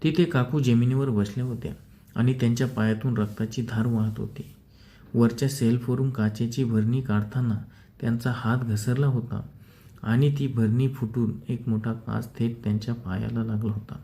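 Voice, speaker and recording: A man narrating a first-person story in a measured, steady reading style. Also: mid-range voice, creaky.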